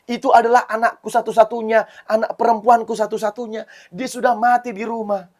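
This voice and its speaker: A man's voice: high voice, flat delivery, brisk, a little mellow, voice pushed up. A man voicing a grieving father who earnestly pleads for help for his dead daughter. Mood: pleading.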